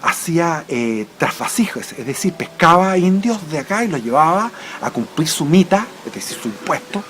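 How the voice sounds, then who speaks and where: A man's voice: on the high side, very animated, moderate pace, a bit bright, slight background noise. A man with a Chilean accent giving an informal, rambling history lecture, with frequent fillers and restarts.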